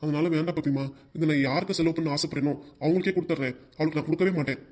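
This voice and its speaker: A man's voice: a little high, steady tone, rapid-fire, a little mellow, natural voice. A man voicing a middle-aged shopkeeper husband in a Tamil cartoon, aggrieved and pleading. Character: middle-aged shopkeeper husband, bitter about his wife.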